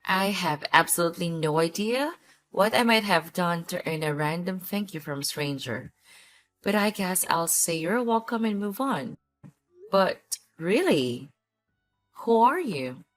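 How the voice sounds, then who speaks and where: Cold, skeptical ex-wife, acted by a woman, low-pitched. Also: expressive, a little slow, soft background music. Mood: guarded, cold. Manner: cold, curt, dry. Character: cool, skeptical, sarcastic betrayed ex-wife. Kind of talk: scripted story dialogue.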